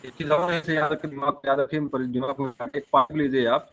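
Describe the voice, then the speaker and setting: A man's voice: mid-range voice, steady tone, fairly quick, fairly bright tone. A male teacher giving an online class whose voice breaks up over choppy call audio. He explains step by step and asks his students questions. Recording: muffled lo-fi call audio with faint hiss.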